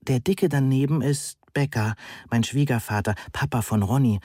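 A young woman from an audiobook who speaks in a sweet, angelic voice, played by a male reader. The pitch sits well above the narrator's own. The recording is close and dry. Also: moderate pace, dark tone, no echo, lightly acted. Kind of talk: audiobook character voice.

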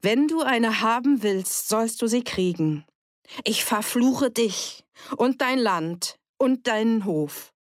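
A woman voicing a sharp-tongued young woman accused of being a witch, defiant and cutting, in an audiobook. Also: mid-range voice, animated, normal speed, no echo, studio quality, voice pushed up, close to an everyday voice. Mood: furious.

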